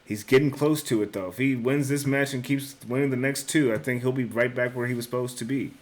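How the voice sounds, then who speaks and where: A man's voice: mid-range voice, fairly even intonation, brisk. Casual young man talking tennis picks. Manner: casual, swears, says bro and dude; thinks aloud, self-correcting. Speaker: sports betting picks host. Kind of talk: casual solo commentary.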